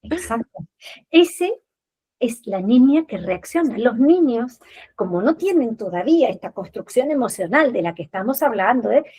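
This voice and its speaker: Woman therapist guest, higher voice, breathy, animated teaching manner. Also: moderate pace. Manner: expressive, acts out little scenes and rhetorical questions. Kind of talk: explanatory interview talk.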